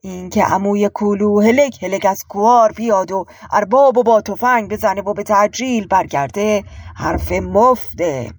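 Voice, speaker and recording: A woman voicing a weary middle-aged man who speaks slowly and hesitantly. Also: mid-range voice, husky, no echo, studio quality. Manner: slow and hesitant.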